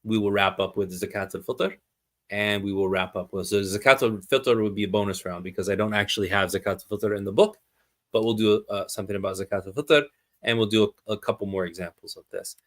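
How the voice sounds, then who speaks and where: In a live streamed lesson on calculating zakat, a male teacher thinks aloud through worked examples and answers his own questions. His voice is fairly low and a bit bright, with a brisk pace and fairly even intonation.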